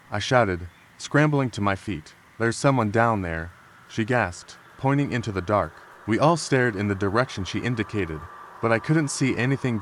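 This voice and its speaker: A man with a fairly low voice reads a scary story in a measured, unhurried way. His delivery is calm and scripted, and faint rain patters behind him. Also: slight background noise. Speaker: horror story narrator. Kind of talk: scripted narration. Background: rain sounds.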